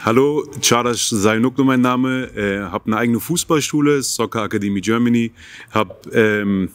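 A man's voice: medium pitch, normal speed, no room sound. A man who runs a football school introducing himself matter-of-factly on a jury panel. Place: large indoor football hall. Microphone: handheld mic.

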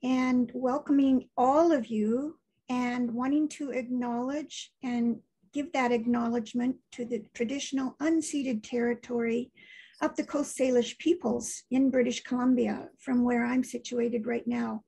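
A woman elder from Saskatchewan giving a slow, measured land acknowledgement on a video call. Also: on the high side, fairly even intonation, dark tone, breathy edge, rough recording. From Saskatchewan, Canada. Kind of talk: formal acknowledgement.

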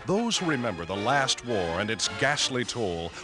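A man's voice: medium pitch, sing-song, normal speed. A man narrating an old 1930s newsreel in a dramatic, emphatic announcer style. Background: music score.

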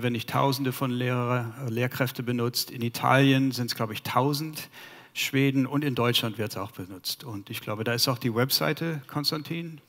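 An American man in his fifties, a native English speaker, presents in German to a conference audience with an American accent. His medium-pitched, slightly bright voice is halting and full of fillers as he searches for German words, and his headset mic picks up a large hall's long reverb.

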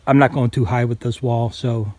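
This is a farm vlogger outside on his property, giving casual, plain-spoken instructions into a handheld camera. His medium-pitched voice is steady and a little mellow, at normal speed, with no echo but some outdoor noise behind it.

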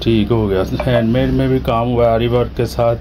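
A man's voice: mid-range voice, fairly even intonation, brisk, background noise. Man hosting a shop walkthrough. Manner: repeats answers back, frequent praise fillers. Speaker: shopping vlog host. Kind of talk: casual shop interview. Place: clothing shop in a bazaar.

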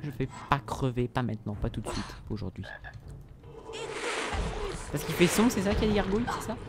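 A man's voice: mid-range voice, very animated, fairly quick, heavy background noise. A young man commentating his own gameplay, complaining and swearing in a theatrical, exasperated way. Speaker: gamer commentating his play. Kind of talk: let's play commentary. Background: game music.

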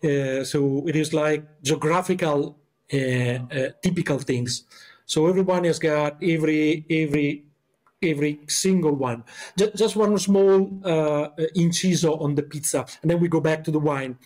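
A man with an Italian accent talks casually as a podcast guest, his voice sitting a little high for a man. He pauses and hunts for words, filling gaps with small hesitations. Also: darkish tone. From Italy. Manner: halting, searching for words with many fillers.

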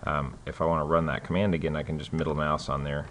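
This is a laid-back screen-recorded tutorial led by a man whose voice sits very low. He speaks in a halting, easygoing way, often restarting and filling gaps with fillers, while faint hiss runs underneath.

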